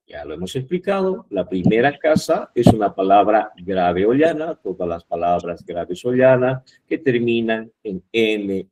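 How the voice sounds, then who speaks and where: A man's voice: on the low side, dark tone. A man teaching a university grammar class, explaining patiently, repeating points and checking the students follow. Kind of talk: online class lecture.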